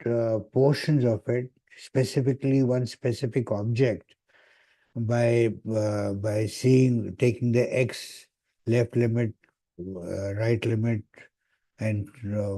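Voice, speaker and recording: A man's voice: medium pitch, fairly even intonation, takes it slowly, dark tone. A man giving an online lecture, heard over a video call, hesitant with frequent "uh" fillers. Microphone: computer mic on a video call.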